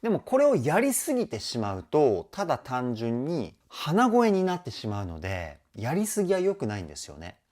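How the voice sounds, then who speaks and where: A man's voice: medium pitch, wildly swooping pitch, normal speed, hardly any pauses, darkish tone. A man working as a vocal trainer, reacting to a music video and breaking down the singing in an enthusiastic, chatty way. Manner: enthusiastic, chatty, often adds ね; sings short snippets to demonstrate.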